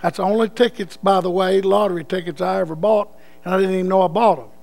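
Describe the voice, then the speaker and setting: An older man preaches in a high-pitched, gravelly voice. He tells stories in a folksy way and leads prayer, his volume rising and falling. Faint instrumental music sits underneath. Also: fairly even intonation, quick pace. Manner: folksy, swings between loud and hushed. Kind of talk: sermon with storytelling and prayer.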